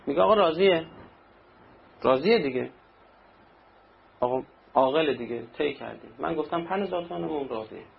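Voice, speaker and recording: A man's voice: on the high side, lively intonation, creaky, pauses often, slightly rough. A man preaching a sermon in a conversational way, acting out little anecdotes. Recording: dull lo-fi recording with faint ambience.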